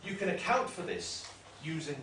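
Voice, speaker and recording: A man's voice: fairly high pitch, wildly swooping pitch, normal speed. A man giving an academic lecture in a discursive, explanatory way, often correcting himself. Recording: roomy room, mic at a distance, faint noise.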